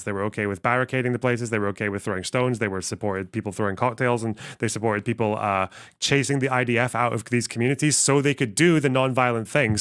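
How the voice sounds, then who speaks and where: A man's voice: mid-range voice, fairly bright tone, clean tone. A young man streaming as he reacts to a debate, talking bluntly and sarcastically, swearing and thinking aloud. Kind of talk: casual reaction commentary.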